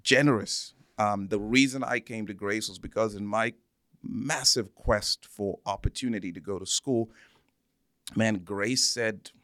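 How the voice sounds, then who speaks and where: Slightly slow and on the low side, with a fairly bright tone, a Zambian church minister earnestly tells personal stories in a conversational interview. He repeats words for emphasis. The sound is clean studio quality with no room sound.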